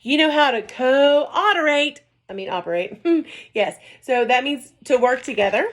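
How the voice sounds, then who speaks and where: Lady teacher reading a storybook to kids, sing-songy, keeps asking "right?", kinda high. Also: lively intonation, unhurried. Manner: gentle, sing-song, often checks in with "right?" and "okay?". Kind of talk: reading a picture book aloud to young children.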